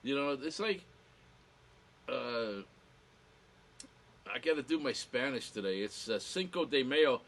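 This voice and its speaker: A man's voice: mid-range voice, expressive, slow pace, pauses often, fairly bright tone. Joking Chicago man rambling casually. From Chicago, United States. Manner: wry, joking, self-deprecating. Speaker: host of a livestream entertainment show. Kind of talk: casual rambling livestream chat.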